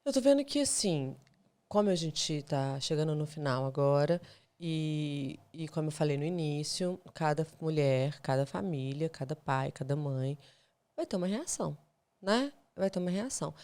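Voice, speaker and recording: A woman's voice: low-pitched, expressive, moderate pace, a little mellow. A Brazilian woman, a psychologist, hosting a podcast interview, asking questions and speaking straight to the listeners. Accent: Brazilian Portuguese. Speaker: psychologist host.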